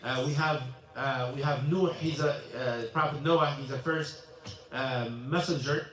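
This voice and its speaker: A man with a mid-range, fairly bright voice teaches an informal religious class in a mosque hall, unhurried and with fairly even intonation. He uses broken English and often repeats himself, and the distant mic catches the hall's echo plus slight background noise.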